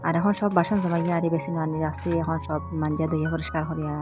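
Woman, Sylheti accent, thirties, earnest pleading vlog chat, quick, low voice. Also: fairly even intonation, over music. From Sylhet region, Bangladesh. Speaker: village lifestyle vlogger.

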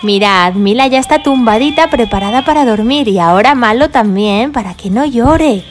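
A woman's voice: on the high side, animated, moderate pace. A woman presenting toys and explaining them cheerfully to children. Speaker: toy video presenter. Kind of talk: toy play and review for children.

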